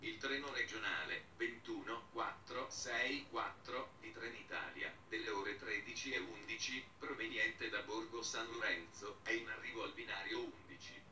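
Over a station loudspeaker, a lowish-voiced man delivers measured, segmented phrases in a flat official tone, reading names piece by piece. Background noise and the roomy, bright, far-off PA sound fill out the recording.

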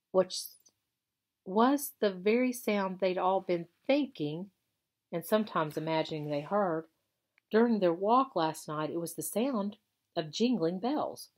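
In a fairly low-pitched voice, a woman reads a children's novel to her pupils, keeping the delivery steady and expressive as she tells the story.

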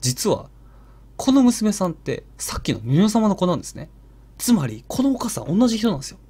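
A man narrating a ghost story in a hushed, dramatic storytelling manner. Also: sits high, big pitch swings, a little fast, breathy edge. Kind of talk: live ghost story telling.

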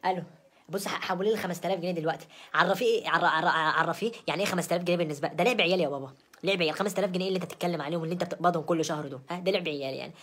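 Fast-talking husky Egyptian spoiled wife played by a woman. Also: lowish voice, a bit bright. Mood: indignant. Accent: Egyptian Arabic. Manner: rambling, stammering, sassy. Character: brazen spoiled young wife, chatty and unapologetic. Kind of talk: comedic sketch monologue.

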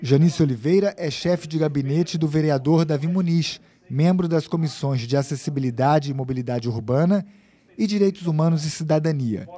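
A male news reporter narrates a scripted report in a measured, formal style, speaking with a Brazilian Portuguese accent. His voice is mellow and sits a little high.

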